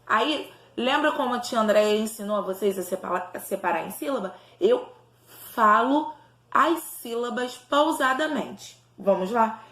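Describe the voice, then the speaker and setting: A woman teacher, giving a recorded lesson to young pupils and sounding words out slowly, syllable by syllable. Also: a little high, expressive, fairly bright tone, roomy sound. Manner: slow, syllable-by-syllable enunciation for children. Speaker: primary school teacher.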